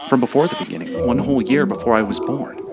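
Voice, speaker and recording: A man's voice: mid-range voice, expressive, fast, gravelly, loud music behind the voice. A man narrating his own documentary in a dry, wry, mock-serious voiceover.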